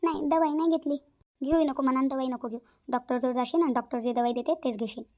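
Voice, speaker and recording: A woman voicing a calm, bossy elder sister-in-law, speaking in a soothing but firm way. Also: high-pitched, quick pace, close to an everyday voice.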